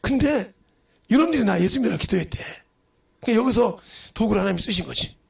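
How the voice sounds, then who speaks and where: A male pastor preaching from the pulpit in a church. His voice sits high for a man and is rough and gravelly, with a husky, worn edge. He tells stories by acting out both sides of each conversation, dropping low and quiet, then rising loud. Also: lively intonation, fairly quick. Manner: acts out dialogue in storytelling, swinging between soft and loud. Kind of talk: sermon. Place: church sanctuary.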